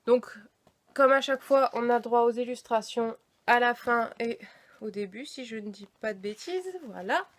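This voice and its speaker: A young woman with a fairly high voice chats to the camera about books she just got. She talks casually and hesitantly, stopping often on fillers and small restarts. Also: moderate pace. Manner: chatty, hesitant with many fillers. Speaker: book vlogger. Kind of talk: casual book haul vlog.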